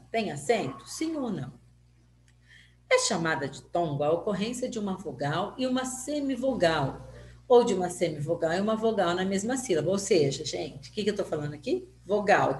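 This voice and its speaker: A woman's voice: medium pitch, a little hiss or hum. Patient woman teacher, roomy echo. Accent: Brazilian Portuguese. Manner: patient, repeats and asks rhetorical questions. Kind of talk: recorded remote grammar lesson.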